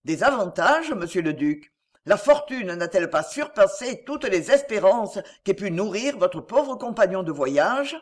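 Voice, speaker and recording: A woman's voice: medium pitch, very animated, measured pace. A woman voicing a troubled, grave doctor who speaks in a solemn, restrained and sorrowful way.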